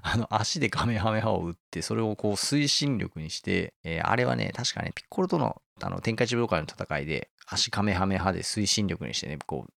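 A man's voice: low voice, lively intonation, fairly quick, vocal fry, few pauses, fairly bright tone, no room sound, studio quality. A man hosting a casual talk, explaining a favourite manga and often chuckling as he goes. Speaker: host.

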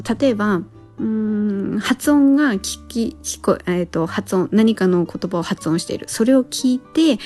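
A woman hosting a solo podcast, talking casually and thinking aloud with frequent pauses. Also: on the high side. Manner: relaxed and chatty, thinks aloud with many pauses. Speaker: podcast host.

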